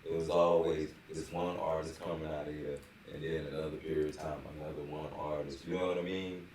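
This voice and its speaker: A middle-aged rapper from San Antonio, Texas, gives a casual, slangy interview, speaking emphatically and often checking that listeners agree. His bass voice is flat, a little fast and slightly mellow, caught off-mic by a distant microphone in a very echoey room with faint noise.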